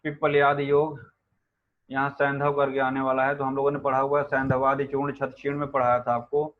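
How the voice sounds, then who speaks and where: A man teaching an Ayurveda class, reciting Sanskrit verses and firing quick questions at his students. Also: mid-range voice, monotone, a little hiss or hum. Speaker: Ayurveda lecturer. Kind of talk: classroom lecture. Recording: narrow phone-like sound.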